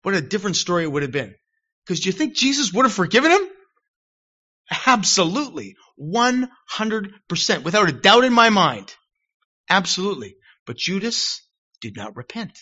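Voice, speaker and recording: A middle-aged man preaching a sermon in church, animated and self-deprecating, acting out shouted quotes. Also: high-pitched, moderate pace. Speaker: pastor. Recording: dull lo-fi recording.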